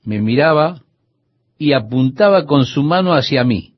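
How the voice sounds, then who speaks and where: A man's voice: a little high, animated, unhurried, slightly rough, no echo. A man preaching a radio sermon, earnestly addressing the listener directly. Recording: dull, lo-fi dry recording.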